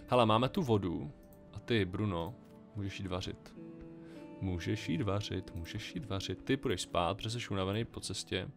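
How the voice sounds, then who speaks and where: A man's voice: lowish voice, creaky. A man casually commenting on a game he plays, thinking aloud in a chatty, wry way. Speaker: let's play gamer.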